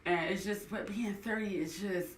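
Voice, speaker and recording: A woman in her thirties, a blogger guest on a radio show, talking fast and emphatically and laughing often. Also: medium pitch, fairly even intonation, reverberant, far from the mic, a little hiss or hum. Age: 30s. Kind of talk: casual radio talk.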